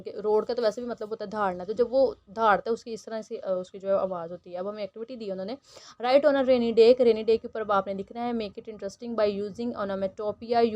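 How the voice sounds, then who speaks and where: A woman teaching a textbook lesson. She reads each English line slowly, then explains it at length with many fillers. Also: medium pitch, a little mellow. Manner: frequent fillers and restarts while explaining.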